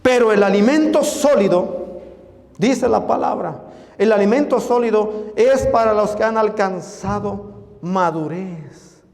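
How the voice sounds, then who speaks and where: A man's voice: sits high, a little slow, creaky, a little mellow. A male pastor with a Mexican Spanish accent, preaching a sermon and calling his listeners brothers. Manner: preaching, addresses the congregation as hermanos. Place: church hall. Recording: long church reverb.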